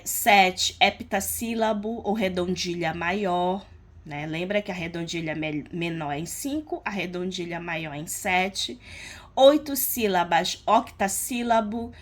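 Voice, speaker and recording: Slow, patient woman teaching. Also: medium pitch, a bit bright. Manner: unhurried, checks in with frequent tag questions. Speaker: literature teacher. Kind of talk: explanatory lesson on poetry metrics.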